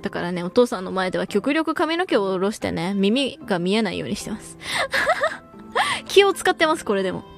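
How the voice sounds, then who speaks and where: A woman's voice: mid-range voice, huge pitch swings, a little fast, vocal fry, soft background music. A young woman streaming as a VTuber, chatting casually and reading viewer comments, laughing often and using slangy speech.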